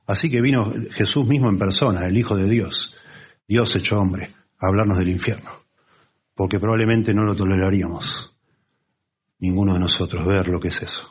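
Husky low-voiced preacher. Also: male voice, moderate pace, highs cut off. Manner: lively, conversational, with asides and acted-out quotes. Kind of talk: expository Bible sermon.

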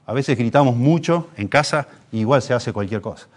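A man's voice: mid-range voice, animated, brisk. A man with a Rioplatense Spanish accent preaching a sermon, impassioned, pushing his voice up for emphasis and restarting phrases as he goes.

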